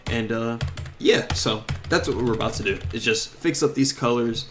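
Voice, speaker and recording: A man's voice: medium pitch, moderate pace, soft background music. A man streaming live as he designs police cars for a game, chatting casually with plenty of ums and likes. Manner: relaxed, rambling, full of ums and likes.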